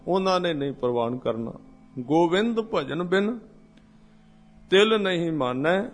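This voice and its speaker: A man preaching a scripture sermon to a congregation, explaining hymn lines one by one and chanting the verses slowly. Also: fairly high pitch. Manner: addresses a congregation directly. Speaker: Sikh preacher.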